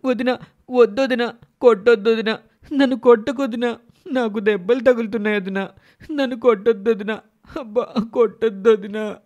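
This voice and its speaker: A man's voice: extremely high pitch, fairly even intonation, moderate pace, a little mellow, highs cut off, pitched above the performer's own voice. A man voicing a meek, hungry young village boy who pleads and whimpers in a cartoon story. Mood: pleading.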